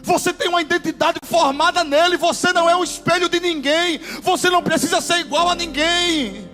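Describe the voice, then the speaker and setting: A pastor with a Brazilian Portuguese accent delivers an impassioned sermon, breaking into shouted exclamations. His voice is very high and fairly quick, with faint music in the background.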